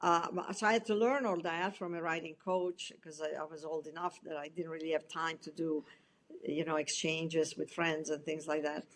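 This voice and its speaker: A middle-aged Italian woman with an Italian accent chats casually as a guest author in an interview, halting, restarting and laughing lightly. Her voice sits low with little pitch movement.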